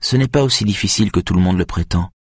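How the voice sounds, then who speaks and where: Male reader doing a laid-back young musician, low, unhurried, audiobook. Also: dry recording, studio quality. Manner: calm, unhurried, confident.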